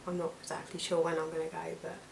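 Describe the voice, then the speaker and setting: A British woman with a croaky, allergy-affected voice, chatting casually to camera as a weight loss vlogger. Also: sits low, completely flat delivery, quick pace. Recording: echoey room with background noise.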